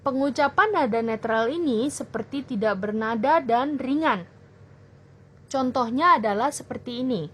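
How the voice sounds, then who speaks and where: A young woman tutoring children in a language lesson, explaining clearly and patiently. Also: on the high side. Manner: slow, clear teacherly explaining. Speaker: Mandarin tutor.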